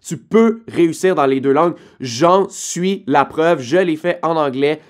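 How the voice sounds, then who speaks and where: A man's voice: fairly high pitch, lively intonation, a little slow. A man, an online course creator and coach, giving direct, encouraging advice straight to the camera and speaking to the viewer informally.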